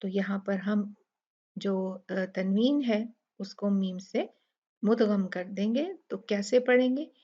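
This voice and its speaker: This tajweed teacher is a woman with a dark, mid-range voice who speaks slowly. She takes learners through Quran recitation rules one step at a time, patiently explaining every word and reciting it aloud, on a recording whose highs are cut off.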